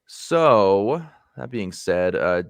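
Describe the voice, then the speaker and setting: A man's voice: deep voice, expressive, drawn-out words, vocal fry, smooth, dry recording, studio quality. A young man co-hosting a podcast, laid-back and sarcastic in casual chat. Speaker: podcast co-host.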